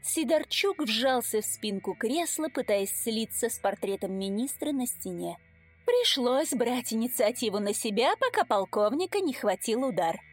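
A woman's voice: on the high side, lively intonation, moderate pace, husky, soft background music. A woman narrating a story in the first person in a dry, ironic manner.

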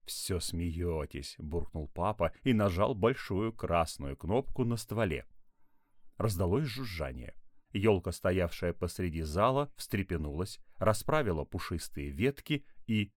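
A man with a low voice reads a playful children's tale with very animated, expressive delivery. The recording is dry and close, with no room sound. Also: a little slow, no room sound. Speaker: storyteller. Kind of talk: scripted narration of a children's tale.

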